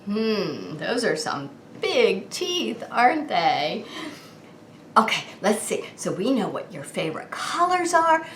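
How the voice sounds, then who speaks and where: A woman hosting a children's show delivers a birthday greeting with exaggerated, sing-song party excitement, asking questions and then answering as though the child had replied. Her mid-range voice is very animated and a bit bright, and she speaks slowly, in an echoey room with faint background noise.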